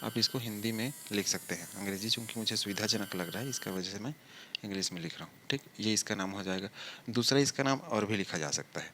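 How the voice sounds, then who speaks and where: A man's voice: on the low side, pushed and bright, a little hiss or hum. A man teaching a chemistry lesson step by step, asking questions and answering them himself, drawing words out as he writes. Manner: drawls words out slowly while writing. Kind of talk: blackboard lesson explaining step by step.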